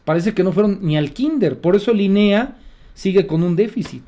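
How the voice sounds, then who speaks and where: A man's voice: high voice, animated, moderate pace, dark tone. A man with a Mexican accent, giving sarcastic, indignant opinion commentary as a radio host.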